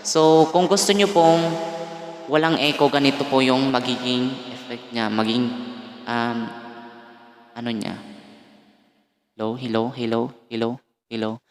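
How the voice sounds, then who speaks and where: Filipino guy doing a mic setup vlog, smooth clear voice, dry close sound, keeps pausing and saying guys. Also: medium pitch, steady tone, dry recording. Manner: hesitant, fillers and frequent pauses; addresses viewers politely as guys. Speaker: vlogger. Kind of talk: casual tutorial vlog. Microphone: condenser mic through a sound card.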